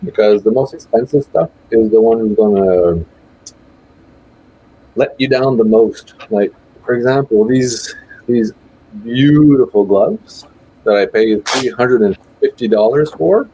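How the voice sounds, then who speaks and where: A man's voice: medium pitch, unhurried, dark tone, slightly rough, rough recording. A man from Switzerland giving his views in a casual live chat, hesitant and full of restarts. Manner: hesitant, many restarts and filler sounds. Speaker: guest rider on a live chat show.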